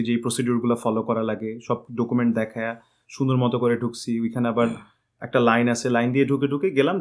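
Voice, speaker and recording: A young man, a podcast guest telling how his visa interview went in a rambling, animated way, often correcting himself. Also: medium pitch. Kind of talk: casual interview storytelling.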